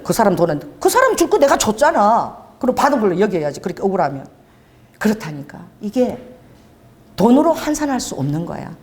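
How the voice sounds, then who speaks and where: A middle-aged woman pastor preaching a sermon, telling stories and acting out the voices in them. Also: medium pitch. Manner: lively, storytelling, acts out voices in stories. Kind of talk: sermon with storytelling.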